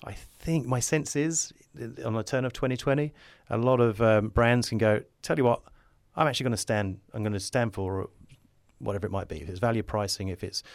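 A podcast guest who works as an advertising creative chats in a casual conversational interview, enthusiastic and optimistic as he rambles and muses. His mid-range voice is gravelly and a little fast, recorded clean in a studio with no echo.

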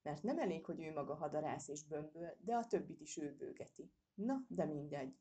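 A woman's voice: low-pitched, expressive, mellow. A woman doing a grumbling old father squirrel. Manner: impatient, grumbling.

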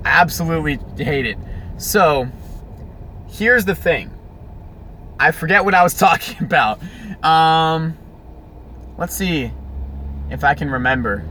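A man's voice: animated, unhurried, long pauses. A young American man chatting casually and scattered to listeners, recorded on a phone voice recorder while driving. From Pittsburgh area, United States. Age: young adult. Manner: scattered, self-interrupting, exclaiming. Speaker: podcast host. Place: inside a moving car on a highway. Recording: phone voice recorder, loud highway car noise. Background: clear road and traffic noise.

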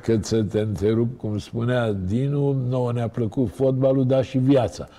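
A man's voice: mid-range voice, dark tone. A man hosting an interview, prompting his guest and interjecting with background facts. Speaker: interviewer, host. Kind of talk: conversational interview.

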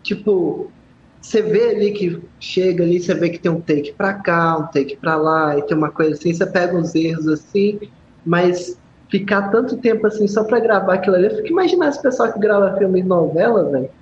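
A man's voice: high voice, a little fast. Host, man, eager and laughing, echoey lo-fi sound with faint noise. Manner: excitable, laughs and exclaims often. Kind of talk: casual chat. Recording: echoey, dull room sound.

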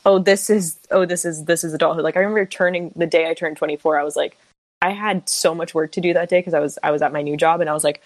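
Woman, mid-twenties, story-telling chat, animated, lowish voice, dry sound. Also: fast talker, dry recording. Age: 20s. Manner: animated storyteller, acts out quotes.

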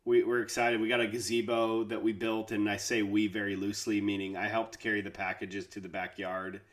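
Speaking a little fast with flat delivery, this man's voice is on the low side yet fairly bright. He co-hosts a podcast via remote call, trading jokes casually with his co-host and laughing often in a playful way.

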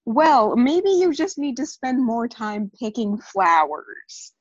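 A woman's voice: on the high side, sing-song, slow, breathy edge, dry recording. A woman podcast co-host who cuts in with blunt, sarcastic remarks. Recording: dull, lo-fi sound.

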